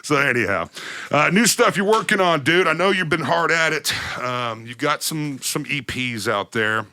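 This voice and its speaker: A man's voice: fairly high pitch, expressive, normal speed, pushed and bright, dry recording, clean studio sound. A man from West Texas, hosting a podcast interview in a casual, rambling, storytelling way. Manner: laid-back, rambling storyteller, swears casually. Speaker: podcast host.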